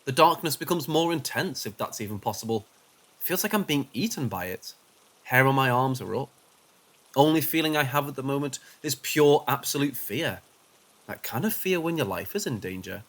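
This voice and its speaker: A man narrating first-person paranormal stories as scripted narration, dropping low and quiet for the tense moments. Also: expressive, normal speed.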